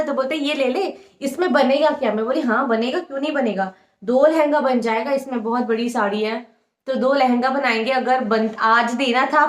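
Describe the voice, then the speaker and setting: A young woman vlogger chatting casually to her viewers, often dropping English words into her talk. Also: sits high. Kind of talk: casual vlog chat. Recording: echoey room.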